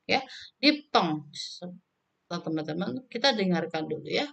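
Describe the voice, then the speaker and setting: A woman's voice: fairly low pitch, expressive, unhurried, gravelly, muffled recording. Woman teacher drilling English vowel sounds. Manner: models sounds loudly and repeats them, frequent friendly filler tags. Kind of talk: casual recorded lesson.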